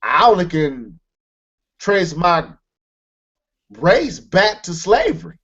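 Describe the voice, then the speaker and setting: Male podcast co-host, earnest rambling delivery, slightly high pitch, dull lo-fi audio. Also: sing-song, takes it slowly, a bit bright, slightly rough. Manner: earnest, emphatic, rambling with restarts. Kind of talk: casual chat.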